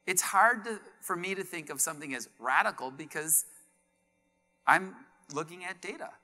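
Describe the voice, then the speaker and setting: A middle-aged man giving a conference keynote on a large stage, telling a story in an animated way and acting out quoted dialogue. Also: high-pitched, normal speed, soft background music. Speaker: keynote speaker.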